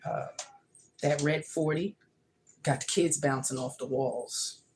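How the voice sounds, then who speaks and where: Woman livestream host, low register, chatty and emphatic, repeats herself for effect. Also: slow pace, a little mellow, slight background noise, rough recording. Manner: emphatic, repeats her points. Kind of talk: casual livestream monologue. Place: home kitchen.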